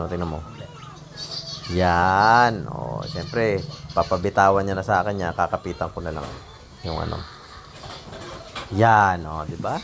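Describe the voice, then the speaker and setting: Super deep-voiced woman doing a jokey vlog voice-over, lots of noise in the background. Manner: chatty, joking, self-praising. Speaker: vlogger narrating own footage. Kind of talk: casual voice-over commentary. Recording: noisy background.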